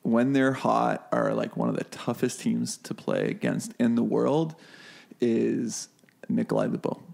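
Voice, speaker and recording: A man, a beach volleyball player, talking casually as a podcast guest, animated and full of fillers and restarts. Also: medium pitch, measured pace, creaky. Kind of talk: casual chat.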